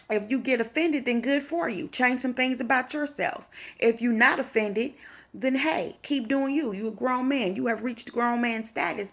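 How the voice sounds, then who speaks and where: A woman's voice: on the high side, gravelly, a bit bright. A young woman in a sassy, conversational opinion vlog, speaking. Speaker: vlogger.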